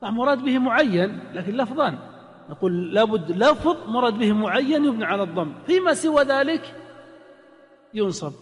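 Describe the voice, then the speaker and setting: A man, a sheikh, teaching a grammar lesson to students, reciting examples in a drawn-out sing-song and quizzing the class. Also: sits high, expressive. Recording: long-reverb lecture hall.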